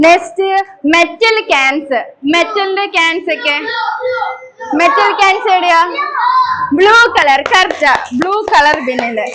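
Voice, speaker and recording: Woman, very high voice, unhurried, leads class and pledge, coaxing, noisy room. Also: animated. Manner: coaxing, repeats questions to the class; leads a slow, loud group pledge. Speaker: environment day class leader for schoolchildren. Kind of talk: classroom talk to young children. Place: school gathering with children. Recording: noisy school room recording.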